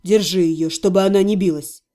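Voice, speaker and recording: A woman reading an audiobook voices a formal, stern male healer who speaks softly and calmly. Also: fairly low pitch, pitched below the performer's own voice, close to an everyday voice. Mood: soothing. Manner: soft, measured, formal.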